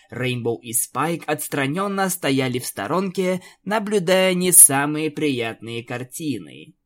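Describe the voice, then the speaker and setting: Man reading a dark story dramatically. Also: a little high. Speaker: audiobook narrator. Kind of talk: reading fan fiction aloud.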